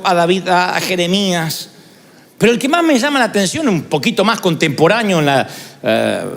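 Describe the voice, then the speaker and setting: A man preaching a sermon as pastor, lively and dramatic, acting out the voices of people he quotes. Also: high voice, long reverb tail.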